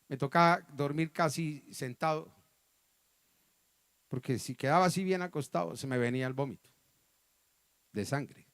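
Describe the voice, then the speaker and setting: A man with a Colombian accent, a pastor preaching a testimony, storytelling dramatically with sudden loud and soft turns. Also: a little high, moderate pace, long pauses, dry recording. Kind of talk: sermon testimony. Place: church hall.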